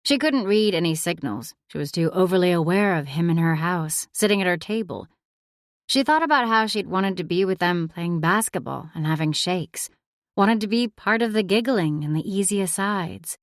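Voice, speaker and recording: Expressive woman audiobook narrator. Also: lowish voice, normal speed, no room sound, clean studio sound. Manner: expressive, emotive reading.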